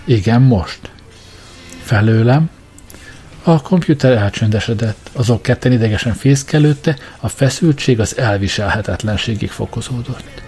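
A man narrating an audiobook in a measured, even way. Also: mid-range voice.

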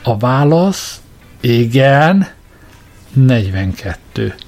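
Vast supercomputer as a man reads it, solemn, orotund, slow, darkish mellow tone. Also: mid-range voice, very animated. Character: vast solemn supercomputer, male, grand and patient.

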